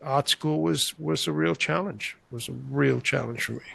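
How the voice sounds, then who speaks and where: An older man from England who grew up in Spain, telling animated, rambling stories as an interview guest over a video call. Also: fairly high pitch, moderate pace, gravelly. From England, raised in Spain. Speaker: guest artist. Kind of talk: conversational interview storytelling. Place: home room, indoors. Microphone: large podcast mic on a video call, headphones.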